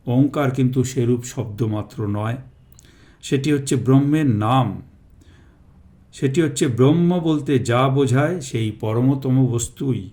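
A man slowly chanting Sanskrit verses and then explaining them in a calm, measured reading. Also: medium pitch. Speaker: Gita reader and explainer. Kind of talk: scripture recitation with explanation.

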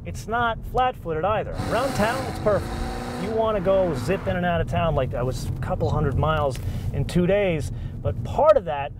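A man's voice: high-pitched, normal speed. A man in his forties hosting a car review, talking with emphatic energy while driving and outdoors on a lapel mic. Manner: lively, emphatic, talks with his hands. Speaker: car show host. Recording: road and outdoor noise behind.

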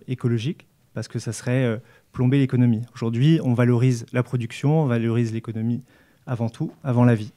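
Man, 30s, activist guest, mellow tone, earnest, hesitant restarts, handheld mic. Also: mid-range voice. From United States and France, raised in Montreal and New York. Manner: earnest, many restarts and fillers. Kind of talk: casual discussion. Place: small studio with brick wall.

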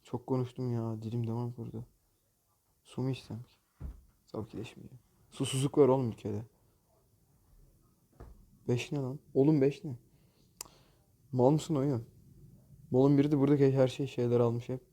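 A man's voice: medium pitch, flat delivery, normal speed, pauses often, mellow. A man hosting a gaming channel, commenting on opening loot boxes in a mobile game, exasperated and jokey, often cursing at the game.

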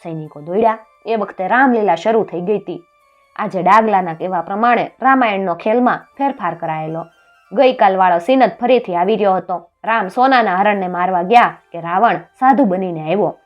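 Expressive woman storyteller, mid pitch, faint music underneath. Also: moderate pace, lo-fi sound. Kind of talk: folk tale narration.

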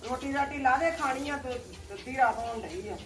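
A woman's voice: high-pitched, normal speed, a bit bright, slight background noise. A woman playing a quarrelsome, grumbling mother-in-law in a family skit, recorded far from the mic in an echoey space. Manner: scolding, complaining. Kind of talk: amateur family sketch acting. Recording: echoey, distant phone mic.

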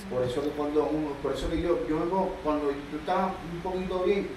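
A man of middle pitch tells faith anecdotes haltingly, stumbling over repeated words. He is far from the mic in a very echoey room, with clear noise behind him. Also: steady tone, darkish tone. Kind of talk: casual faith testimony chat.

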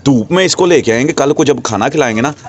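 A young man hosting a casual pet vlog at home, chatting excitedly and coaxing his animals. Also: medium pitch, fast. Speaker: pet vlogger.

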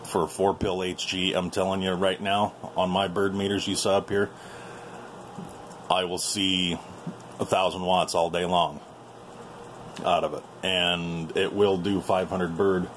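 A video host and radio hobbyist gives viewers a casual, folksy tour of his workshop, filmed on a handheld camera in a small room. His low voice shows little pitch movement and runs a little slow, with a bit of hiss or hum in the recording.

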